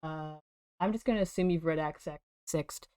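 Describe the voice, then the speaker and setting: A woman's voice: low-pitched, moderate pace, warm tone, smooth, dry recording, clean studio sound. A young woman streaming from her room, chatting casually with viewers and swearing a lot while she draws. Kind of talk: casual live-stream chat while drawing. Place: home room. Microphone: desk microphone.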